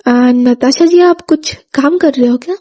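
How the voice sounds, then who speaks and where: A gentle, hesitant young woman who speaks politely and a little shyly, voiced by a woman narrating. Her voice is high and mellow. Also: measured pace.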